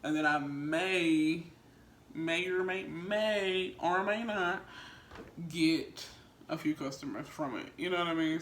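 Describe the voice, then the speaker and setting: Creaky-voiced woman chatting casually in an echoey room. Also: fairly low pitch. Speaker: vlogger and small business owner. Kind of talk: casual mukbang chat to viewers. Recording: roomy echo, faint background noise.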